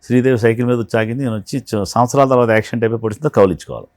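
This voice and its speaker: A man, a film art director, telling animated stories from a film shoot in an interview and acting out the dialogue. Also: medium pitch, rapid-fire, no echo, clean studio sound. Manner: animated storyteller who acts out quoted dialogue. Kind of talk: anecdotal interview storytelling.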